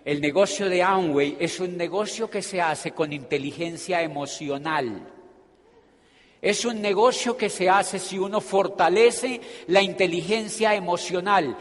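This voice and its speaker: A man's voice: sits high, measured pace. A man giving a humorous, storytelling motivational speech to an audience and acting out the scenes he describes. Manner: animated, humorous, acts out scenes. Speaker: motivational speaker at a business meeting. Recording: hall reverb.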